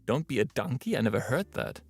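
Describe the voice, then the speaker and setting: A male voice actor, chatting and thinking out loud during a live-streamed recording session in his booth. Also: medium pitch, very animated, fairly quick, vocal fry, no room sound. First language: German. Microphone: booth microphone.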